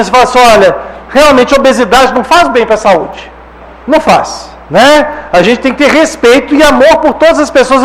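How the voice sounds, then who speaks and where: High-voiced man giving a conversational lecture. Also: a bit bright, slight background noise, rough recording. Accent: Brazilian Portuguese. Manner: conversational, frequent rhetorical "né?" and "tá?". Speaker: spiritist lecturer. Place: lecture hall.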